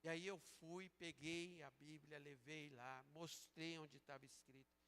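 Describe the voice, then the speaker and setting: A man preaching a sermon as a pastor, moving between slow emphatic calls and quieter storytelling. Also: fairly high pitch, steady tone. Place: church sanctuary. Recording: church sanctuary with long reverb.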